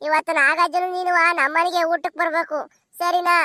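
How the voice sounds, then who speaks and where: A woman's voice: very high-pitched, flat delivery, normal speed, sharp tone, no room sound, studio quality. A woman voicing a quarrelsome village wife who now begs forgiveness, in a sing-song rural dialect for a cartoon. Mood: pleading. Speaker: narrator voicing village women.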